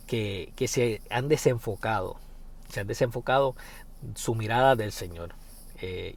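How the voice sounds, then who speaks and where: A man preaching a sermon, swinging between loud dramatic scripture reading and soft reflective talk, repeating phrases for emphasis. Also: mid-range voice.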